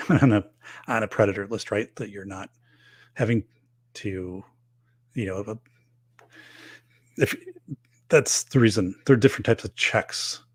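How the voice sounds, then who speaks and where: Reading out viewer comments on his livestream, a middle-aged host chats in a rambling way, full of fillers and restarts. His voice is going, lowish with a breathy edge, and there's no room sound.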